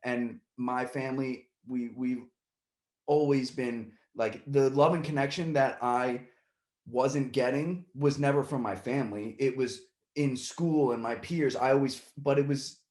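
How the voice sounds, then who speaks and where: With a medium-pitched, darkish voice and a steady, unhurried delivery, a male podcast host chats casually in reverberant surroundings. His talk wanders in long stretches with many restarts, and retelling a story gets him worked up. His family side is Puerto Rican.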